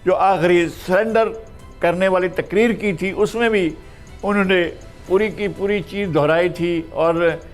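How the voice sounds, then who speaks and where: An older man from Pakistan, speaking as a political commentator on a TV panel in a measured way, pausing often with drawn-out fillers. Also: high-pitched, steady tone, soft background music. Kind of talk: TV panel discussion.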